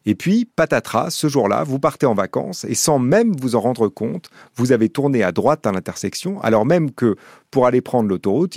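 Man, professor, calm measured explainer, scripted narration, breathy voice, dry close sound. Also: mid-range voice, no room sound. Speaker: psychology professor.

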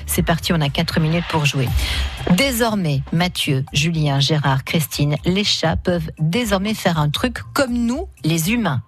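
A woman's voice: fairly low pitch, lively intonation, measured pace, faint music behind. A woman hosting radio in a casual, chatty presenting style. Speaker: radio host. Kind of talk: lively casual radio chat and game presenting.

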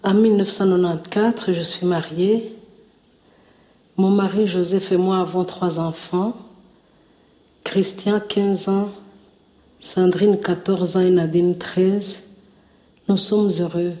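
A woman from Rwanda, giving a measured, solemn stage testimony as a genocide survivor. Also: lowish voice, steady tone, dark tone. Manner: slow, measured, declarative. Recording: roomy archive stage recording.

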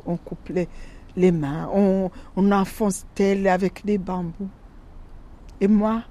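Woman from Burundi, halting emotional testimony. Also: mid-range voice, mellow, a little hiss or hum. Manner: halting, emotional retelling with broken restarts. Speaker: interview guest. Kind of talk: radio testimony.

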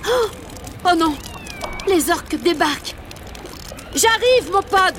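Feisty young female sperm whale for a nature story, very animated high voice, colloquial, over noisy ambience. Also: takes it slowly, full character voice. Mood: alarmed, fierce. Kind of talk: acted nature story dialogue.

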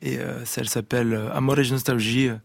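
A man speaks as a guest in a radio studio, his voice rough with fry. He answers quickly but haltingly and keeps hunting for the right word. The sound is close and dry. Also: mid-range voice, fairly even intonation, no room sound. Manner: halting, searching for words. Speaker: musician guest.

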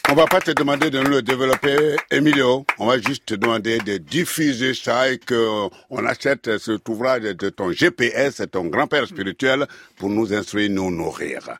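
A man's voice: mid-range voice, normal speed, hardly any pauses, a bit bright. A man hosting a radio show, friendly and enthusiastic as he introduces his guests. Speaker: radio host.

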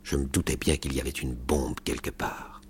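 A man reading aloud and voicing an idle, ironic man who loves his kite and his life, speaking in a quiet, wry way. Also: extremely low pitch, flat delivery, normal speed, slight background noise, pitched below the performer's own voice. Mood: wary.

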